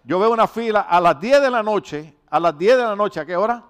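A middle-aged man from Rico, preaching a conversational sermon in a lively, rambling storytelling way with rhetorical questions. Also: sits high, a little fast, clear, resonant tone. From Puerto Rico. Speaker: pastor.

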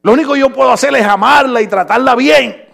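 A middle-aged male pastor with a high voice that turns gravelly. He preaches in a joking, conversational way, teasing the congregation and now and then shouting a line. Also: fast talker. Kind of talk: humorous sermon.

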